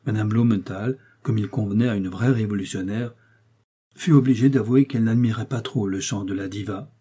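A man narrating a classic novel in the first person, with a measured literary reading. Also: lowish voice, dark tone, husky. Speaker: audiobook narrator.

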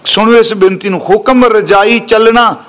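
A man preaching a scriptural exposition sermon, slowly intoning quoted verses and then explaining them in quick, conversational speech, correcting his listeners' pronunciation. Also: high-pitched, steady tone, a bit bright. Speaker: Sikh preacher.

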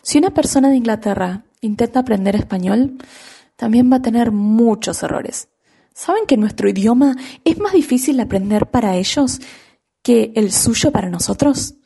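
A woman giving a scripted radio lesson as an English teacher, slowing down to spell out example words. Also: a little high, expressive, vocal fry, warm tone, slightly rough.

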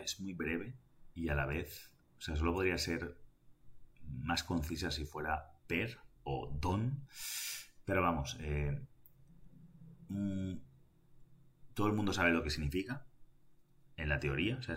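A man delivers a calm personal reflection, pausing often and circling back to his words. His voice sits very low but comes across bright and forceful. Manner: thoughtful, halting, with many fillers. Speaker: vlogger giving reflections. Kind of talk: casual spoken reflection.

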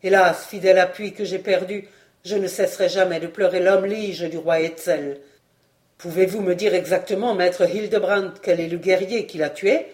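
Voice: mid-range voice, normal speed, few pauses, darkish tone, close to an everyday voice. A reader doing grieving warrior king Dietrich. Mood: grief-stricken. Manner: lamenting, emphatic. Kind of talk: audiobook reading.

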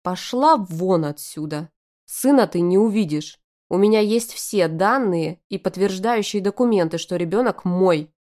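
A woman's voice: mid-range voice, lively intonation, a little slow, a little mellow, lightly acted. A woman reading the lines of a stern, angry young father who speaks in cold, clipped growls. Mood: cold anger.

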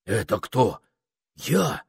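Male narrator voicing a sneaky toad spy, shrill and wheedling, loud. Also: sing-song, extremely slow, creaky, husky, no room sound, studio quality, exaggerated voice. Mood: excited. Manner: whiny, wheedling, cocky.

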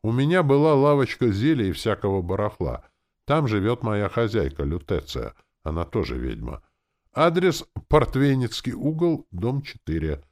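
A hollow-voiced undead lich, played by a man reading a story, speaks slowly with gloomy spite. His voice sounds sepulchral and drawn out. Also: on the low side, very animated, a little mellow, pitched above the performer's own voice.

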